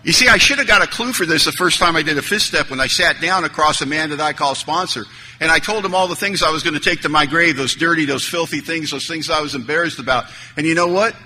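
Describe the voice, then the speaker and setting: A man's voice: a little high, quick pace, pushed and bright. A man giving an earnest recovery talk at a meeting, telling stories and acting out conversations on a stage microphone. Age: 30s or older. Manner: earnest, storytelling, acts out dialogue. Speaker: AA speaker. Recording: hall reverb, faint noise.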